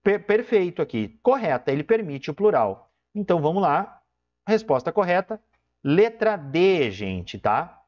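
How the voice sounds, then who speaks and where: A man's voice: high voice, sing-song, unhurried. A man teaching Spanish, walking through exam questions and often checking in with his students. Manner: explanatory, keeps checking in with "tá?" and "ó". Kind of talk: exam question walkthrough lesson. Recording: dull lo-fi recording.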